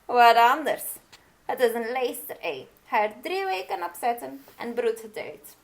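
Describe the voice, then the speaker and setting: A woman voicing an old witch who lives in a tree, brusque and matter-of-fact, with a shrill, loud voice. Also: expressive, a little slow, vocal fry.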